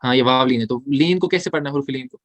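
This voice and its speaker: A man teaching tajweed in an online class, explaining step by step, asking questions and answering them himself, and chanting the verses slowly between explanations. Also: medium pitch, dry recording. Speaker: Quran recitation teacher.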